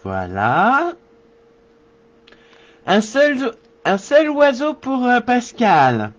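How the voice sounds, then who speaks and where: A man leads a live card-making tutorial, talking to his viewers and thinking aloud as he works. His voice sits high and swoops lively up and down, and he speaks very slowly. The recording is slightly dull and lo-fi. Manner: slow, thinking aloud while working.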